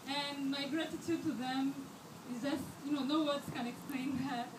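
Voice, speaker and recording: Her voice is high and steady, her speed normal: a Rwandan woman in her twenties, a scholarship student addressing a fundraiser with earnest words and many fillers and restarts. The handheld microphone is too distant, leaving the event-hall recording echoey with background noise.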